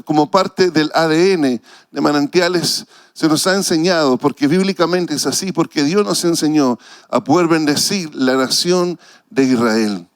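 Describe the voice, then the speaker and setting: A man's voice: fairly high pitch, dry recording, studio quality. A man with a Chilean Spanish accent preaching a sermon as pastor, earnest and emotional, repeating phrases for weight.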